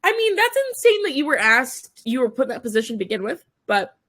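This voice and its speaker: A woman in casual podcast chat, reacting with quick remarks and swearing freely. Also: high-pitched, very animated, a bit bright.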